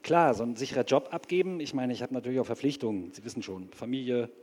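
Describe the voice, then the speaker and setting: An actor playing an anxious, earnest bank clerk who rambles hesitantly as a polite caller in a comedy sketch. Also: male voice, mid-range voice, fast, darkish tone, in a large hall, close to an everyday voice. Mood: unsure, wistful.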